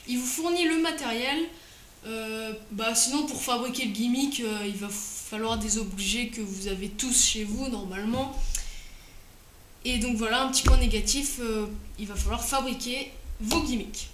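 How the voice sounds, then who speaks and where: A woman's voice: a little high, normal speed, a bit bright. A woman casually reviewing a product on camera, hesitant, with frequent fillers and restarts. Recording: roomy echo, faint noise.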